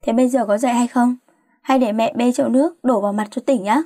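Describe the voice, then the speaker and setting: A fussy, worried middle-aged mother who keeps nagging and scolding, as a woman reads her part. The voice sits fairly high and warm, and the recording is dry and close. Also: steady tone, fast, dry recording.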